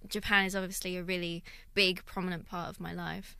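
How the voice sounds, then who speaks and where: A young woman from London with a London accent, chatting in a radio interview, thoughtful and quick to laugh. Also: on the low side, little pitch movement, vocal fry, sharp tone, clean tone, no echo. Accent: London English. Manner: friendly, laughs often, thoughtful. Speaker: guest violinist. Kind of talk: casual interview chat.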